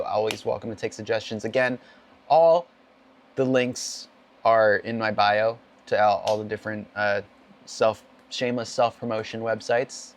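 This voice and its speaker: A man streamer with a hoarse voice and a cough, rambling in upbeat, self-deprecating chat as he wraps up a racing stream from his home gaming setup. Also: fairly low pitch, a little hiss or hum. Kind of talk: casual end-of-stream chat.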